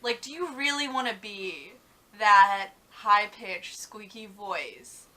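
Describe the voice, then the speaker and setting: A young woman chats casually as a vlog co-host, leaning on "like" and trailing off mid-thought. Her voice is bright and clear, sitting at an ordinary pitch. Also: lively intonation, slow, rough recording. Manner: chatty, many "like" fillers, trails off. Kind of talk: casual chat.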